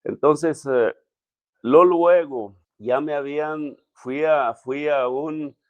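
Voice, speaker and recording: A man's voice: a little high, a little mellow, no echo, highs cut off. Emotional man telling his testimony. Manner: emotional, halting storytelling with many restarts. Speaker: pastor, interview guest. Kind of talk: personal testimony in conversation.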